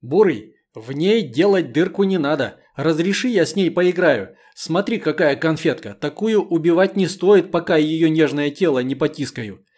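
A man voicing a nasal, leering male street thug in an audiobook, pitching his voice up. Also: animated, normal speed, hardly any pauses, a little mellow. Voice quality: nasal whine. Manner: leering, mocking. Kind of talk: audiobook reading.

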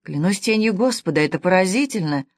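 A woman's voice: on the low side, animated, a little fast, no room sound, clean studio sound. A woman reading the lines of an impulsive, loyal male knight in an audiobook, exclaiming with indignation. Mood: indignant.

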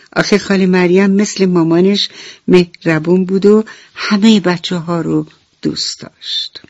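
Gentle woman bedtime storyteller. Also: sits low, no room sound. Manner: gentle, talks warmly to children. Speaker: children's storyteller. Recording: dull radio recording with faint music.

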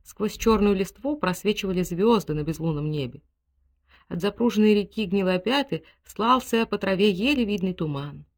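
A woman's voice: mid-range voice, lively intonation, moderate pace. A woman reading a literary story aloud as an audiobook narrator, telling it expressively. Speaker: audiobook reader. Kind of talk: scripted narration.

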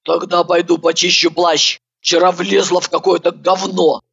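A woman's voice: fairly low pitch, flat delivery, moderate pace, vocal fry, slightly rough, highs cut off. A woman reading an audiobook, voicing a worn-out, blunt woman who speaks in curt, coarse phrases. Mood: gruff. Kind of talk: audiobook character voice.

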